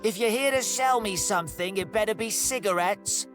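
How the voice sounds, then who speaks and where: A woman voicing a rude, hostile old farm lady, an old hag with a raspy, barking voice, in a game. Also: medium pitch, moderate pace, natural voice. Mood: gruff, hostile. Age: older. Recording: music behind the voice.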